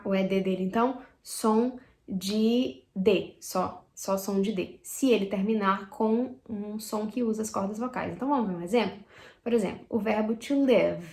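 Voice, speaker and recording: A woman from Brazil teaching English pronunciation, demonstrating sounds slowly and repeating them while checking in with her students. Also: medium pitch, creaky, a little mellow. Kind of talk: pronunciation lesson. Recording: echoey room.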